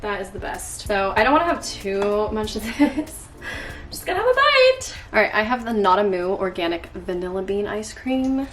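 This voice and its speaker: A woman's voice: mid-range voice, big pitch swings, normal speed, a bit bright, a little hiss or hum. Chatty young woman in an echoey kitchen. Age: 20s. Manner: bubbly, chatty, lots of "like" fillers. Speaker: lifestyle vlogger. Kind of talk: casual chat to camera while baking. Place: home kitchen, indoors. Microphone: camera on the counter. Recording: echoey kitchen, faint music.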